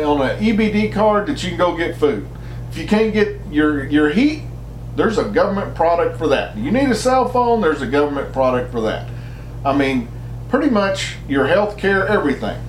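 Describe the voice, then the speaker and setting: A man's voice: high voice, roomy sound, slight background noise. A man from the United States giving an argumentative opinion monologue, emphatic and often restarting his words. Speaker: commentator.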